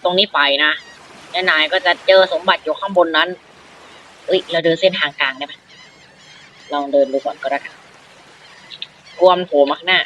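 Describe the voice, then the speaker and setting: A man hosting a gaming channel, giving playful, excitable commentary, role-playing dialogue and voicing his own jump sounds as he plays. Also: fairly high pitch, normal speed, long pauses, slight background noise, poor audio.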